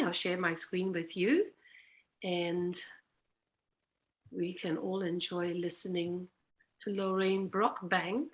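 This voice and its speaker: A woman hosting a poetry open mic in a casual, encouraging way. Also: lowish voice.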